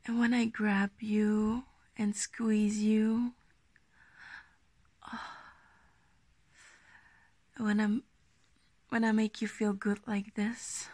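A woman doing an ASMR role-play as an affectionate, gently dominant girlfriend, speaking slowly and intimately in a coaxing half-soft voice. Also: mid-range voice, flat delivery, no room sound. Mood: teasing, assertive. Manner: slow, breathy, intimate, soft-spoken, coaxing.

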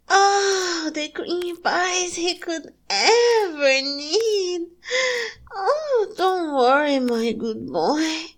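A woman voicing a doting female succubus in an erotic audio roleplay, speaking softly and soothingly with breathy moans between phrases. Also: sits high, full character voice. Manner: slow, cooing, soothing. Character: doting adult female succubus, soft motherly lover.

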